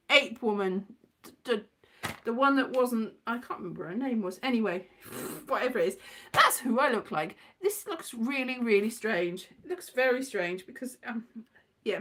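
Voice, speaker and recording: Sitting high with a bright, forceful tone, this woman's voice carries a loose, rambling chat full of giggles and self-deprecating, scatterbrained asides. She is a performer and host and formerly a journalist.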